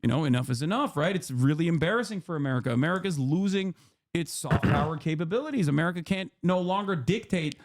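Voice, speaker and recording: Streamer host, man, 30s, slightly high voice, heated and profane explainer. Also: animated, fast talker. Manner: impassioned, profane, rising to near-shouting emphasis. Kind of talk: heated political explainer to a guest.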